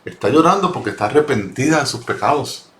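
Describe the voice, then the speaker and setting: A man leads a Bible study, reading a passage aloud and then unpacking it with earnest emphasis. His pitch sits at a middle range, and he often repeats a word before rephrasing it. The room around him gives a noticeable echo. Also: animated, quick pace, fairly bright tone, a little hiss or hum. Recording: roomy echo.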